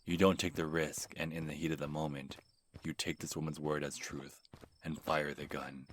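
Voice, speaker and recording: A man telling a scripted second-person horror story in a calm, measured way. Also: very deep voice, a little hiss or hum. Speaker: narrator and channel host.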